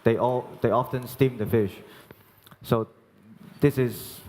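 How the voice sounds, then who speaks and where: A young chef from Hong Kong talks an audience through a live cooking demonstration. He explains each step patiently but haltingly, restarting his phrases often. His voice rings with the long reverb of a large hall. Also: medium pitch, fairly even intonation, darkish tone.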